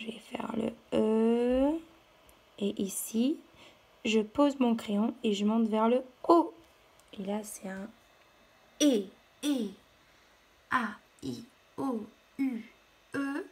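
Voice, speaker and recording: A woman teacher walks young children through a handwriting lesson one step at a time. Her voice sits a little high and breathy, and she speaks slowly and patiently. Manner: slow, patient step-by-step instruction.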